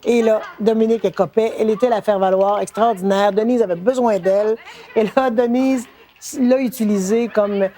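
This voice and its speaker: A woman's voice: mid-range voice, steady tone, a little fast, warm tone. A woman with a Québécois accent, commenting enthusiastically on an old sitcom. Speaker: interviewee, commentator.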